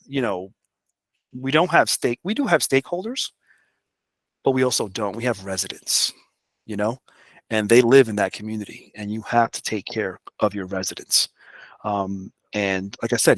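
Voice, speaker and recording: A man's voice: fairly low pitch, no room sound. Candid conversational New man. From the Bronx, New York. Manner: candid, conversational, often adds "you know". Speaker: public works director, guest. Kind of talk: casual interview talk.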